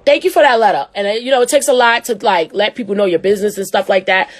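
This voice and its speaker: A woman hosting an advice show, reading a listener's letter aloud and answering it with blunt, profane, animated commentary. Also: medium pitch, fast.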